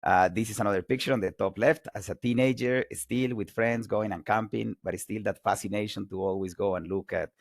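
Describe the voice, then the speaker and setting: Low gravelly-voiced man from Colombia. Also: brisk, few pauses, no room sound, clean studio sound. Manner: energetic, self-correcting repeats. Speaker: guest lecturer. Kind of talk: online lecture.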